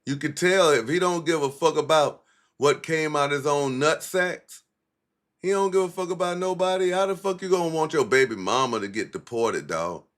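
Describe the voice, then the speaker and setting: A man's voice: a little high, animated, moderate pace, a bit bright. A man hosting a livestream, giving blunt, profane, mocking commentary in casual street talk.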